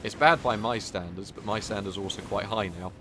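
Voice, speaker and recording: Low-voiced man casually commentating gameplay. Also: fairly quick, fairly bright tone, faint music behind. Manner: casual, rambling, self-deprecating. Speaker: streamer playing a video game.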